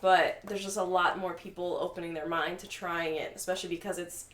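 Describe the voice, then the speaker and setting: A woman's voice: lowish voice, fairly even intonation, a little fast. A woman in casual group chat, thoughtful and hesitant, using fillers. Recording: roomy, faint background noise.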